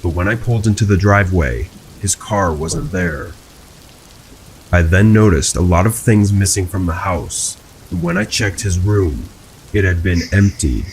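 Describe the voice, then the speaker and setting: Deep-voiced guy reading a scary story slow and even, light rain in the background. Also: vocal fry, a little hiss or hum, rough recording. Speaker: horror story narrator. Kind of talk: scripted first-person horror narration. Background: rain sounds.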